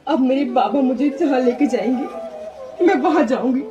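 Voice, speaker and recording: An actress playing a young wife thrown out of her home, speaking in a slow and sorrowful way. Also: high-pitched, expressive, lo-fi sound, background noise. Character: young wife cast out, tearful and resigned. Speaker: daughter. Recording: music behind.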